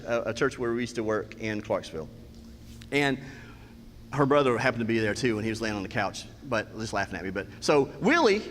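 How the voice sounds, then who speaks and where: Animated man telling a story in a hall. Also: mid-range voice, slight background noise. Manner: animated, acts out scenes and quotes. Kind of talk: comic personal storytelling.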